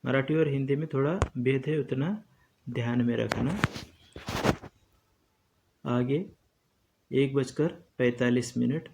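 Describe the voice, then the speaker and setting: Slow, gravelly man teaching. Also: mid-range voice, fairly even intonation, noisy background. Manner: slow, deliberate, repeats each term. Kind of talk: slow explanatory lesson.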